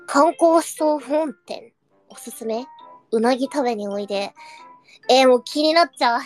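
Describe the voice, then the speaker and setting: A woman live streamer in casual chat, reading viewer comments and reacting with quick surprised asides, speaking standard Japanese with occasional Kansai dialect slipping in. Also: high-pitched, soft background music.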